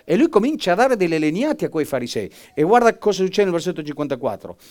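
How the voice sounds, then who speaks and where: A man preaching a sermon and reading scripture with dramatic delivery, swinging from loud emphatic bursts to hushed, almost whispered lines. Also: sits high, sing-song, fast talker.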